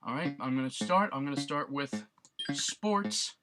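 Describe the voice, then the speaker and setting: A man's voice: medium pitch, big pitch swings, a little slow. A man casually commenting on a retro quiz game, reading the clues aloud and joking about his guesses. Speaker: let's play gamer. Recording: loud chiptune game music behind voice. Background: beeping retro game music.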